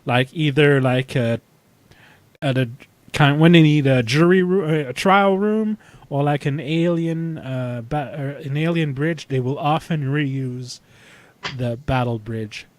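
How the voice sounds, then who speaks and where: A man co-hosting a casual fan podcast, talking in a halting way with many fillers and restarts. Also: fairly high pitch, dry recording. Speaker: podcast co-host. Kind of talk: casual chat.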